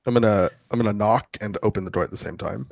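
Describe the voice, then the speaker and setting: A man's voice: lowish voice, fast, gravelly, a little mellow, no echo, clean studio sound. A man playing a tabletop game, speaking casually in character with a polite, questioning way of talking. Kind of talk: casual in-character role-play.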